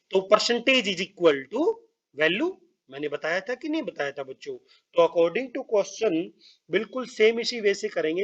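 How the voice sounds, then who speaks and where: Male math teacher, high voice. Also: fairly bright tone, highs cut off. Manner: talks to pupils as children, repeats and checks understanding; writes on screen while speaking, pauses and drawn-out words. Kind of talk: online math lesson.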